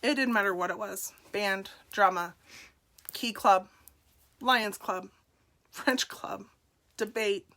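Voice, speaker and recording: Bright-sounding woman in her 40s, telling her story straight to camera, laughs a lot, pokes fun at herself. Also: mid-range voice, takes it slowly, pauses often. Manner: candid, self-deprecating, laughs often. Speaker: nurse and direct seller.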